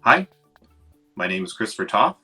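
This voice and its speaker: A man in his thirties from Canada, telling of a relapsing illness in an interview, measured and clearing his throat often. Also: lowish voice, very animated, sharp tone, far from the mic, faint music behind. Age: 30s.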